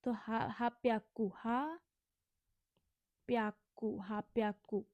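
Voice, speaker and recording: A young woman from India teaching a casual language lesson, repeating each word slowly and asking and answering her own questions. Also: a little high, steady tone, no room sound, muffled recording.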